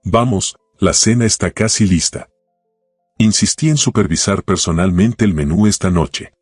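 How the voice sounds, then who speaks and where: A man with a deep, husky voice voicing a shrewd, warm older wealthy woman who questions gently but pointedly. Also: normal speed, no echo, clean studio sound, soft background music. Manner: gently probing, affectionate.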